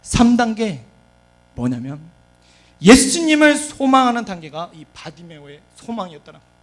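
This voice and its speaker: Junior pastor preaching, high voice, faint music behind; asks questions and answers them himself. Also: male voice, big pitch swings, normal speed. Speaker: junior pastor of a children's department. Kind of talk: sermon.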